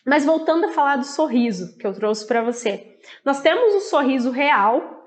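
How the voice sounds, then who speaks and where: A woman's voice: high-pitched, animated, normal speed. A woman with a Brazilian Portuguese accent explaining a book in a casual, conversational way, talking straight to the viewer. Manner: conversational, addresses viewer directly with fillers. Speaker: book presenter.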